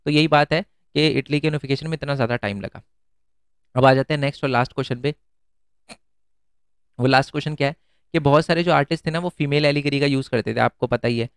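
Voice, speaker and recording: A man's voice: medium pitch, quick pace, long pauses, clear, resonant tone, no room sound, clean studio sound. A man teaching an exam-prep lesson in a casual, chatty way, often asking questions and answering them himself.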